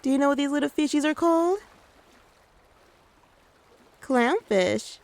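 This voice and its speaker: A woman playing a gentle, doting mother in a soft-spoken ASMR role-play, soothing and coaxing as she talks to the listener like a small child. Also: high-pitched, lively intonation, a little slow. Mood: tender. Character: gentle doting mother taking her little one out. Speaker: ASMR creator.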